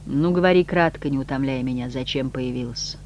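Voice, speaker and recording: A reader voicing an imperious, scornful male devil in a low, quiet, curt tone. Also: a little fast, slight background noise, lightly acted. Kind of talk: audiobook reading.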